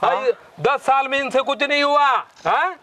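A teasing, bossy doctor, played by a man, barking orders and cracking jokes. His voice is very high and bright, and a faint hiss runs behind him. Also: moderate pace. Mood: joking. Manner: bossy, teasing, mixes Hindi and Marathi, lots of "arre". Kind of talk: comic skit acting.

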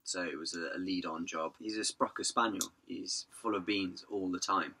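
A hoarse man, telling his vanlife story in a rambling, chatty way. He says he is losing his voice. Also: sits low, fairly even intonation, normal speed, sharp tone. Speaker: vanlife vlogger. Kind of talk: casual vlog narration.

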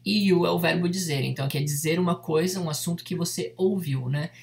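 A Japanese teacher leads an online lesson. The voice has a gravelly, fry-edged texture. The delivery is patient, with each word repeated slowly and steady check-ins with the learner. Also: mid-range voice.

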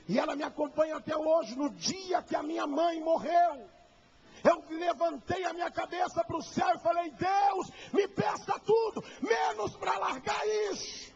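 Guy doing a teary country woman begging, high shouty voice. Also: normal speed, muffled recording, a little hiss or hum. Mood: anguished. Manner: pleading, tearful outbursts. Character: distressed grown woman from rural Brazil.

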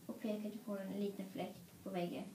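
A woman reading a children's story aloud in an expressive, playful way. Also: medium pitch, slight background noise. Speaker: storybook reader. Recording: roomy echo.

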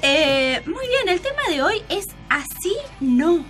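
A woman with an Argentine accent hosting a casual radio talk show, telling stories in an exasperated, animated way. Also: very high voice, slow, soft background music. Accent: Rioplatense Spanish. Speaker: radio host.

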